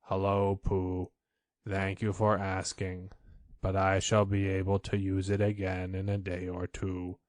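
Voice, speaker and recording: A man plays a gloomy old donkey from a children's storybook, grumbling with long-suffering, deadpan resignation in a mournful mood. His voice is deep and very slow, recorded close and dry.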